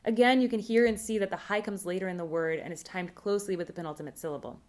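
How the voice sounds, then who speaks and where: A woman presenting a recorded academic conference talk on linguistics, explaining terms in a clear, measured way. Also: mid-range voice, darkish tone.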